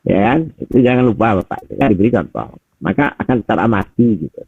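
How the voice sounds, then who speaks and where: Animated and a little fast, a middle-aged teacher trainer gives conversational feedback in a low, husky voice over tinny video call audio, recorded dry. He addresses his listeners as Pak and Bapak Ibu and frequently asks rhetorical questions.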